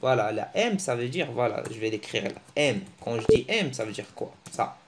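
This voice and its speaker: A man giving a casual, joking online language lesson, teasing his viewers and breaking into animated bursts. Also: normal speed, heavy background noise. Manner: joking, animated, teasing, with sudden pitch jumps. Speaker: language teacher.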